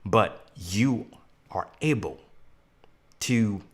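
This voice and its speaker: Deep-voiced polite male host. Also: extremely slow, husky. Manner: polite, encouraging, says "yes, sir". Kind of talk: livestream interview.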